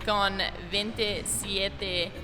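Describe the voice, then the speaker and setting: A woman from New Zealand with an English speaker's foreign accent in halting, learner's Spanish, giggly as she hosts a casual vlog interview. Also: medium pitch, little pitch movement, over music. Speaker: interviewer and channel host.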